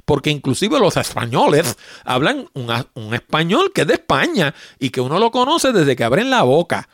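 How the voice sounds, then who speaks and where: Podcast host: middle-aged Puerto Rican man, lively pitch, fairly high voice, emphatic explainer. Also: no echo, studio quality. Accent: Puerto Rican Spanish. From Puerto Rico. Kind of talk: casual solo podcast talk.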